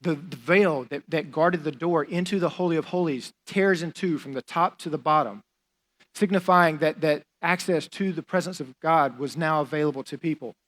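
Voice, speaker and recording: Pastor, young adult man, slightly higher voice, conversational sermon delivery, repeats lines for emphasis. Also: moderate pace, fairly bright tone. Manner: conversational, emphatic preaching with frequent "like" and repeated phrases.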